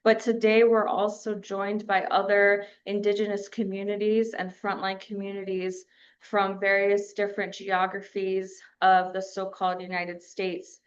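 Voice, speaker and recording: A woman from New Mexico addresses a press conference in an even, flat tone, pausing often on fillers. The recording is dull and lo-fi. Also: mid-range voice. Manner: measured, with frequent filler pauses.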